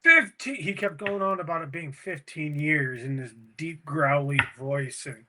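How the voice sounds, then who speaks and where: A man's voice: a little high, fairly even intonation, unhurried, bright, forceful tone, a little hiss or hum. A man co-hosting a podcast in casual chat, rambling and swearing, prone to tangents. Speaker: podcast co-host.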